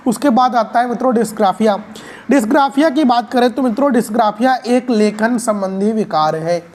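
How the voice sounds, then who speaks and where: Her voice sits a little high with a darkish tone. She's an exam-prep teacher in an explanatory video lecture, repeating key points in a drilling way and often addressing her viewers as friends.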